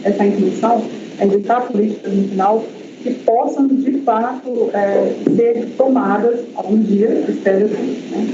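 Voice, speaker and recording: In an echoey university lecture hall, a man with a high voice presents his research project at an academic seminar, speaking a little slowly with fairly even intonation. He sounds hesitant, with many fillers and restarts, and the recording is dull, lo-fi and noticeably noisy.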